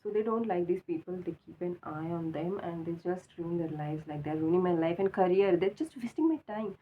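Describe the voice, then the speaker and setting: A woman with an Indian accent giving a casual, halting, unscripted opinion monologue, repeating herself for emphasis, just awake with a swollen mouth. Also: fairly low pitch, expressive. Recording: tinny phone-like sound with faint noise.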